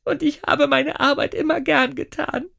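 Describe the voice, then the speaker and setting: Guy doing a high shrill lady conductor, weepy and huffy, gravelly edge. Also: steady tone, normal speed, sharp tone, exaggerated voice. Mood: tearful. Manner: sobbing then snapping indignantly. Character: tearful, indignant middle-aged woman train conductor.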